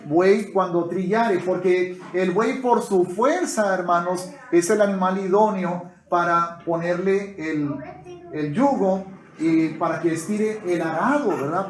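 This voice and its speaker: A man delivers a sermon in a fairly high voice at a slow, measured pace. He keeps addressing the congregation as brothers and asks them to agree with him. The sound carries the echo of a church hall. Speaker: preacher.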